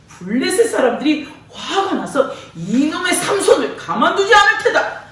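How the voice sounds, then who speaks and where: Lively woman preacher in an echoey hall. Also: high-pitched. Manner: lively, laughing, acts out voices. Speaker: children's ministry preacher. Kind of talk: animated Bible storytelling for children. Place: church hall. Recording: echoey church hall from far off.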